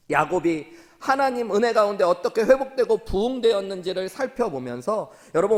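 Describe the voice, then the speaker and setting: Guy preaching in church, kinda high voice, tells the story and keeps talking right to the people, echoey hall. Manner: storytelling, addresses the congregation directly. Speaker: senior pastor. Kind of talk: sermon. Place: church sanctuary. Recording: long hall reverb.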